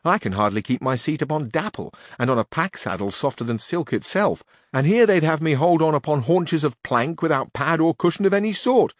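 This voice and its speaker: A man's voice: a little high, animated, fairly quick, hardly any pauses, no echo, studio quality, close to an everyday voice. A man voicing a grumbling peasant squire. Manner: blunt, grumbling, folksy. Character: complaining stubborn peasant squire, male, middle-aged. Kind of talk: audiobook reading.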